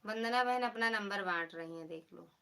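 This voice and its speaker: A woman's voice: mid-range voice, normal speed, vocal fry, pushed and bright, clean tone. A woman with an Awadhi accent, hosting a casual live stream and chatting teasingly with her viewers. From Pratapgarh, Uttar Pradesh.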